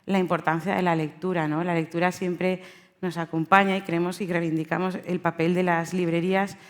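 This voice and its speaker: A woman's voice: on the low side, level tone, a little fast. A woman bookseller speaking on a panel, hesitant, with many fillers and restarts. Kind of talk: panel talk. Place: event hall.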